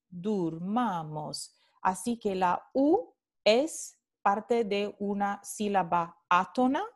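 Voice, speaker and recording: A woman lecturing on linguistics over slides, unhurried and deliberate. She often repeats example words slowly and checks in with her students. Her pitch sits in an ordinary middle range. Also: darkish tone.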